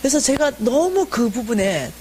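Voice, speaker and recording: A middle-aged woman giving a church lecture, telling a personal testimony in an animated way and acting out the voices of the people she quotes. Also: fairly high pitch, moderate pace, a little hiss or hum.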